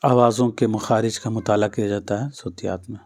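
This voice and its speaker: A man's voice: on the low side, fairly even intonation, a little mellow. A male teacher giving an exam-prep lesson, patiently repeating each answer and speaking straight to his students.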